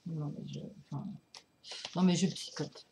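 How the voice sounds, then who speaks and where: A woman shows off her record collection in a casual vlog, speaking at a measured pace in a low voice, hesitant and full of fillers and apologies yet excited and laughing often. She drifts nearer and farther from the camera mic, with slight background noise.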